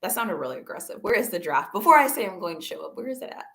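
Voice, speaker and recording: Animated woman ranting about football. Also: mid-range voice, rapid-fire. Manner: animated, emphatic, argumentative; talks to chat viewers. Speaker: livestream host. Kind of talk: casual football talk livestream.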